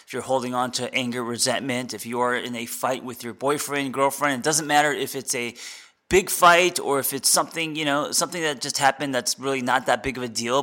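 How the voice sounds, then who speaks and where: A man talks through his advice as a life coach, unrehearsed and earnest, often restarting his sentences. His voice is bright and forward, at a middle pitch for a man. He speaks plainly, with the odd swear word. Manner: earnest, conversational, frequent restarts. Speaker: life coach and podcast host. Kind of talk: unscripted solo advice talk.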